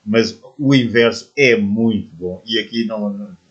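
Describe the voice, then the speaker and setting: A man with a European Portuguese accent commenting casually as a reaction video host, relaxed and explaining. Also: on the low side, normal speed, dull audio. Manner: relaxed, explaining and giving advice.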